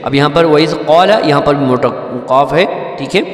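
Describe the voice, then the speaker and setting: A man teaching Quran recitation rules, explaining each point patiently and then chanting verses slowly and melodically. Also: fairly high pitch, roomy sound, big-room sound. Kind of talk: tajweed lesson with chanted recitation.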